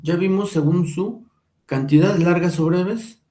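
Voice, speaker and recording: A male teacher giving a slow lecture, checking in with his listeners by asking whether they follow and drawing out each example word. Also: high-pitched, warm tone, roomy sound. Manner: drawn-out, careful enunciation of example words.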